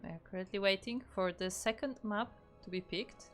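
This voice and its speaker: Speaking fairly quickly in a mid-range, fairly bright voice, an esports caster from Poland covers a live game tournament over soft background music. She has a Polish accent, chats freely, reads messages from chat aloud and often starts her sentences over.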